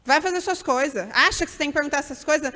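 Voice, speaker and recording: Woman acting out a shrill alarmed mother, scolding fast, high voice, long echo of a hall. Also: pushed and bright. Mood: shocked scolding. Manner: exasperated rapid scolding.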